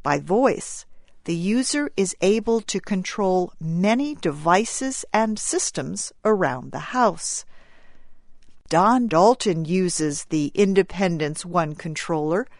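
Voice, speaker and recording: A woman narrating a scripted news program, reading clearly and deliberately. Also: fairly low pitch, animated, darkish tone, no room sound, clean studio sound.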